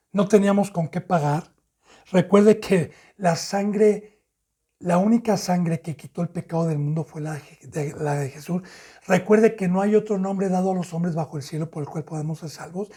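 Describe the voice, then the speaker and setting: A man's voice: sits high, dark tone. A man with a Mexican Spanish accent, preaching a sermon as pastor and acting out the lines of the parable's characters.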